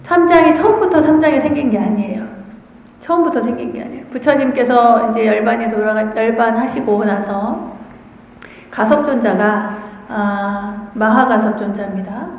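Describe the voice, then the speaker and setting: A woman's voice: fairly high pitch, darkish tone. A woman, a Buddhist nun, giving a dharma talk and telling a story, asking her audience questions as she goes. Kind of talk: sermon. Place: large temple dharma hall. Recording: echoey hall with long reverb.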